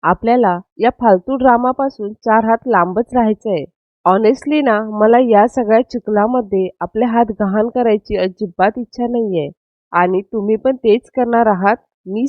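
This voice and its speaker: A woman's voice: fairly high pitch, normal speed, no room sound, lightly acted. A woman voicing a dismissive young man who lectures his siblings in a cool tone. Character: dismissive young male heir. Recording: dry, slightly dull lo-fi.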